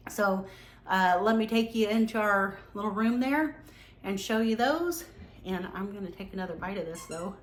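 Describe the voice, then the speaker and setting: A woman hosting a casual home vlog, chatty and relaxed with many ums. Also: mid-range voice, moderate pace. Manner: talks while tasting, mouth full. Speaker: home cooking vlogger. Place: home kitchen and growing room. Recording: roomy home echo.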